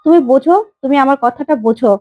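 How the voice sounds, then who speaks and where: A woman voicing a defiant young woman who scolds her elders in sharp retorts, in a retold serial story. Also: high-pitched, quick pace, no room sound, lightly acted.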